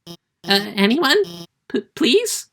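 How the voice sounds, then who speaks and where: A woman's voice: sits high, very animated, slow, bright, forceful tone, pitched above the performer's own voice, full character voice. Woman doing a stammering nervous lizard teacher. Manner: stammering, timid.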